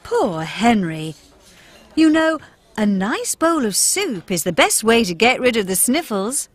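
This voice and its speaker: A woman voicing a kind, motherly female cafe owner in a cartoon, gentle and chirpy in a sing-song way. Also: on the high side, big pitch swings, measured pace, dry recording. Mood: kindly. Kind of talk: cartoon voice acting.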